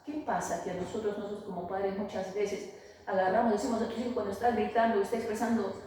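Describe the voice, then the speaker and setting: A woman who works as a family therapist explains things to an interviewer, hesitating often with fillers and restarts. Her mid-range voice is warm and level, and she talks fast. The room is echoey, she's far from the mic, and faint noise lingers.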